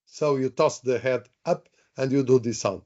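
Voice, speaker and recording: Heard through dull, lo-fi video-call audio, a male webinar trainer with a mid-range, darkish voice teaches a live online workshop at a moderate pace. He's chatty, tends to repeat himself, and asks the audience questions.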